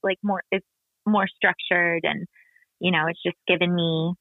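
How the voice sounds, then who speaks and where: A man's voice: sits high, level tone, unhurried, dry recording. A man who co-hosts a podcast, talking nervously on a panel and saying like constantly. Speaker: podcast co-host. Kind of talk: casual panel chat. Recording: tinny phone-like line.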